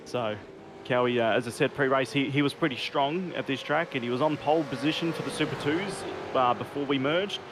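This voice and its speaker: A man's voice: medium pitch, a little fast. A man giving casual motorsport commentary as co-commentator on a sim race. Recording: constant car engine noise. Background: race cars and engine noise.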